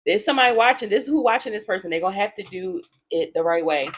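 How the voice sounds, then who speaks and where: A fast-talking woman, her medium-pitched voice carrying a breathy edge, does an informal tarot reading aimed straight at her viewers. She is blunt and profane and often dissolves into laughter.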